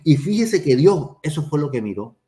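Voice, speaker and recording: A man's voice: fairly high pitch, very animated, normal speed, dark tone. A man preaching a sermon in an emphatic style, repeating phrases and asking rhetorical questions.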